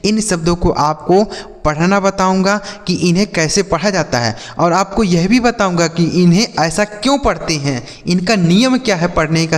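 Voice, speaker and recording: A man's voice: on the high side, in a large hall. A man teaching children to read, patiently asking questions and answering them himself. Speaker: English teacher. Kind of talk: YouTube reading lesson for children.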